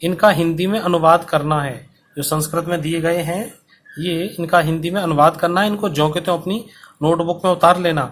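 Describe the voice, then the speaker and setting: High, bright-voiced male teacher. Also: fairly even intonation. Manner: slow, dictation-paced explanation. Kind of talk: Sanskrit lesson for school students. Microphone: recorded for online video.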